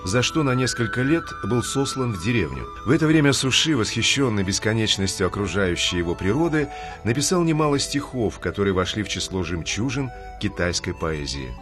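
Guy hosting a radio language lesson, lowish voice, faint music under it. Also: sing-song, a little fast, few pauses.

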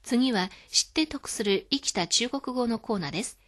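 A woman hosting a scripted radio lesson, explaining words calmly. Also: a little high, normal speed. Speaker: Chinese language teacher.

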